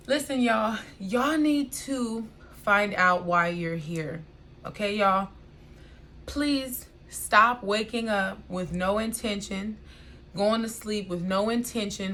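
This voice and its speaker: A woman's voice: mid-range voice, fairly bright tone, slight background noise. An American woman speaking informally to viewers as a spiritual guide, in an emphatic, exhorting and familiar way, repeating phrases and checking in with her listeners. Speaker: spiritual reader and online guide.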